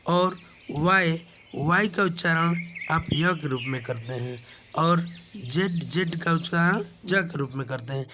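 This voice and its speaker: A man teaching a slow spoken lesson, patiently going over each letter and its sound again and again. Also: a little high, background noise. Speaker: English teacher. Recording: clear bird sounds in background. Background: birdsong.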